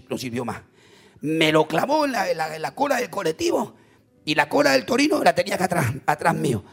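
A preacher tells a story from the pulpit in a high, wildly swinging voice with a gravelly, husky texture. He is dramatic and animated, jumping into sudden loud bursts. Faint music plays underneath.

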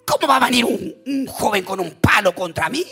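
A man's voice: high-pitched, sing-song, brisk, music in the background, voice pushed up. A man voicing a furious, boastful giant warrior who bellows threats at his young foe. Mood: indignant scorn.

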